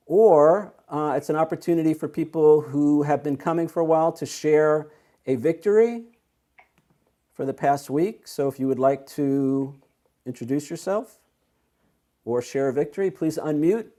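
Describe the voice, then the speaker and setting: A man's voice: on the high side, dark tone. A man leading an online self-help workshop over a video call, explaining ideas step by step in an earnest, encouraging way. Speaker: workshop leader.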